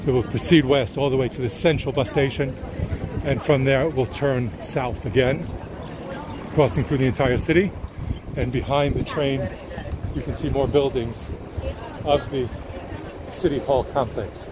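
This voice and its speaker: A male tour guide narrates while walking, his voice at an everyday middle pitch. He explains the sights in an unhurried way. Street and tram noise is clearly audible behind him. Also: steady tone. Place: city street outdoors. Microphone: handheld camera while walking.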